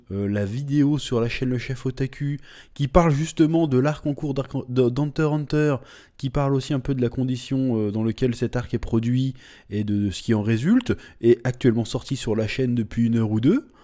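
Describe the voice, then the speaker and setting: A man hosts a casual manga news commentary with a warm, relaxed voice at an ordinary middle pitch. He talks bluntly and chattily, full of hesitations, and plays up his points with exaggerated, mock-dramatic emphasis. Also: moderate pace. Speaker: host of a manga channel.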